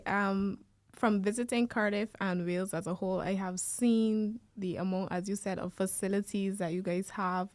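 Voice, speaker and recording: A young woman with a Barbadian accent in an informal student radio discussion, haltingly thinking aloud. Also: medium pitch, darkish tone, no room sound. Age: young adult.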